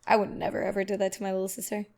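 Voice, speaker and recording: Gravelly-voiced woman reacting animatedly. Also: mid-range voice, racing. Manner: animated, talks back to the video, laughs often. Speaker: reaction video host. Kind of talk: casual reaction commentary.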